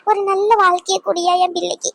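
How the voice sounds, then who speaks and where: A woman's voice: very high-pitched, level tone, quick pace, vocal fry, fairly bright tone, dry recording, exaggerated voice. A woman voicing a fretful middle-aged village mother in a cartoon, lamenting and scolding with emotion. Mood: worried, pleading. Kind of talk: Tamil cartoon voice acting.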